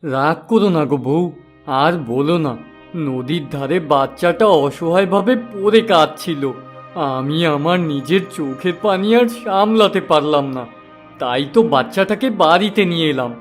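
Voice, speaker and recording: A man voicing a poor, kind-hearted village father in a cartoon, speaking gently. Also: fairly high pitch, normal speed, faint music behind, natural voice. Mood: worried. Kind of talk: cartoon voice acting.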